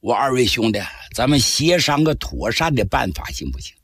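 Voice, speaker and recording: A man voicing a cunning captured general who pleads and bargains in a low, wheedling voice, in traditional storytelling. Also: big pitch swings, moderate pace, a bit bright, husky, no echo, studio quality, heavily acted. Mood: bargaining. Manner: low, wheedling, slyly persuasive. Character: captured male enemy general, cunning, pleading then menacing.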